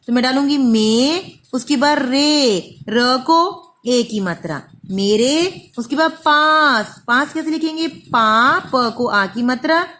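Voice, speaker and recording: A woman's voice: high-pitched, fairly bright tone. A woman teaching young children, patiently stretching words out sound by sound as she spells them. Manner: patient, stretches out sounds syllable by syllable, calls listener "beta". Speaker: primary school teacher.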